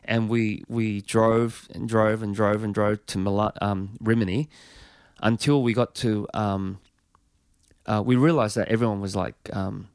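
A man's voice: fairly low pitch, fairly even intonation, unhurried, darkish tone, clear, resonant tone, no echo, clean studio sound. A touring musician, a man, telling a long anecdote with a rambling manner full of fillers and restarts.

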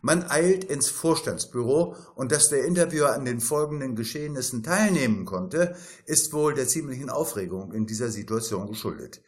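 Brief: male narrator for a weekly satirical audio story, dry and ironic, average pitch. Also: lively intonation, moderate pace. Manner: dry, ironic storytelling that reads every part himself.

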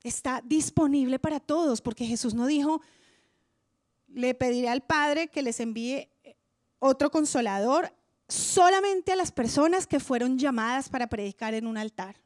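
Female preacher, high-pitched, dry close sound; passionate church sermon delivery with sudden hushed drops. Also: animated, normal speed, no echo. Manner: impassioned, swings from loud to hushed.

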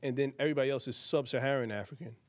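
A man's voice: medium pitch, very fast, no echo. Laughing man telling a family story. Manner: animated storyteller, laughs through his lines. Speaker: podcast co-host. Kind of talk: casual chat, storytelling.

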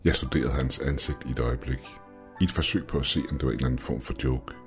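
A man reading a first-person story aloud in a measured, brooding way. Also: extremely low pitch, faint music behind. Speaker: narrator.

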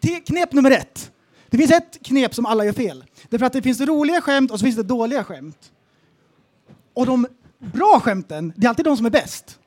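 This podcast co-host has a very high voice and spins comic tales during relaxed, funny banter. He's an animated storyteller who performs the lines of each character he describes.

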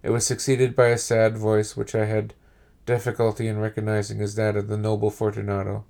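A man hosting a podcast, reading a horror story aloud with deliberate, measured phrasing and pauses. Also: fairly low pitch, monotone, gravelly, darkish tone. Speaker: podcast host and reader.

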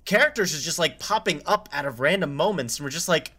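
Man, podcast co-host, casual film talk, halting, bright tone. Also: fairly high pitch, animated, slightly rough. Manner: halting, many fillers and restarts. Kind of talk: casual film review chat.

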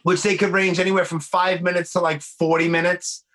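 A man's voice: sits high, brisk. A man with a Brooklyn accent hosting a podcast, chatting casually and bluntly with plenty of slang and swearing. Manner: blunt, swearing, animated storytelling full of slang. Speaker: podcast host. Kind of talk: casual conversational chat.

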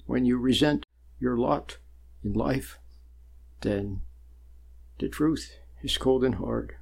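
A man giving a sermon-like spiritual talk, slow and deliberate, with long pauses and sudden emphatic rises. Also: medium pitch, gravelly, slightly rough. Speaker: spiritual teacher.

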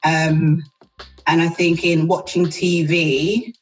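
A woman, a guest on an interview podcast. She talks in a relaxed, chatty and thoughtful way and laughs often. Faint music runs underneath her voice. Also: low-pitched, slow, poor audio. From South East London, England. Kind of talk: casual interview chat.

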